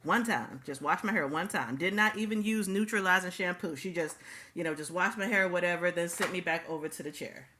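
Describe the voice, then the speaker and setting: A woman's voice: fairly low pitch, brisk, pushed and bright. A woman vlogger telling a personal story straight to her viewers, casual and emphatic, repeating key phrases for effect. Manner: talks straight to the audience.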